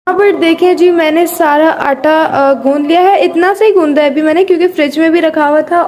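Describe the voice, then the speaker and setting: A woman's voice: extremely high pitch, steady tone, fairly quick, darkish tone. A young woman from Pakistan chatting casually through a cooking vlog in her home kitchen, rambling with filler phrases and giggles. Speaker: vlogger. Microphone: camera or phone, sometimes hand-held.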